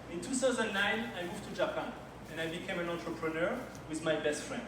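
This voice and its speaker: A French man in his thirties gives a timed slide presentation in English, his second language, at a launch party, telling his own story with slightly non-native phrasing in a voice a bit high for a man. The mic is distant, and the event hall is very echoey and clearly noisy.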